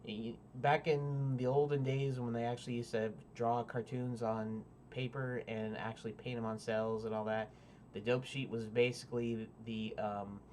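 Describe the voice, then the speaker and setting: A man talks casually to his webcam from his home desk, rambling and hesitant as he explains his setup. His voice sits at an ordinary middle pitch. A faint hum runs underneath. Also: little pitch movement, normal speed, a little mellow. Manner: rambling and hesitant, many fillers and restarts. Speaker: indie game developer. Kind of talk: casual devlog talk to camera.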